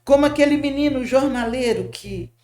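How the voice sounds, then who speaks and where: An older woman, a podcast guest gently recounting memories and often checking in with her listener. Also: sits high, normal speed. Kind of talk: reminiscing storytelling.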